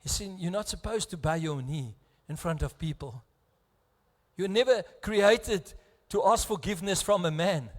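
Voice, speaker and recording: A South African man preaching a sermon as pastor, earnest and close to tears, his delivery swinging between hushed and raised. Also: high voice, normal speed. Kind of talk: bilingual sermon. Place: church. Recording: echoey church hall.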